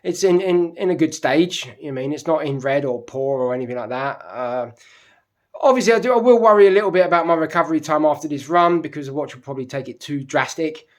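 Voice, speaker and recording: A man's voice: on the high side, brisk, no echo. Breathless middle-aged British man vlogging. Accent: British English. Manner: rambling, full of fillers and restarts. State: a little out of breath after a run. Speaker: running vlogger. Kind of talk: casual talk to camera.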